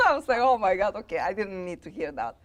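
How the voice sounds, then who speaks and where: A middle-aged woman from Bulgaria co-hosts a relaxed chat, telling stories with lively energy. She laughs often as she talks. Her voice sits in an ordinary middle pitch. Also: brisk. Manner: animated storytelling, laughs often. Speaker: co-host. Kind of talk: casual chat.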